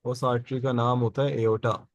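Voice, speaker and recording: A man teaching biology to a classroom speaks at a middle pitch, normal speed, and a level tone, asking questions that he then answers himself and stating every key term twice. The audio is close, dry, and lo-fi.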